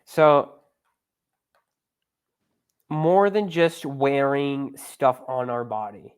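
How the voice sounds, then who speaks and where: Podcast host, unhurried and halting, mid-pitched, casual interview. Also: animated, clear, resonant tone. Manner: slow, halting questions with many hums of agreement.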